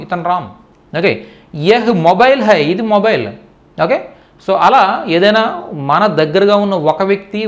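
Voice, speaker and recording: A man giving a spoken language lesson in a fairly high, very lively voice that climbs and dips a lot. He explains patiently, says each word more than once and keeps checking that his listeners follow. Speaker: Hindi teacher.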